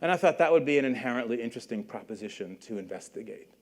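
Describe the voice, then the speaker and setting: A middle-aged man from Canada giving a university lecture in a conversational way, often checking in with the audience with questions and a quick "right?". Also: mid-range voice, expressive. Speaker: guest lecturer.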